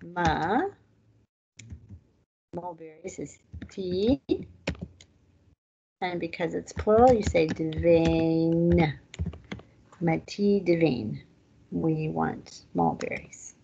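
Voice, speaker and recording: A woman's voice: fairly low pitch, very slow, vocal fry, long pauses, warm tone, highs cut off, slight background noise. A woman teaching a language class online, patiently explaining grammar step by step.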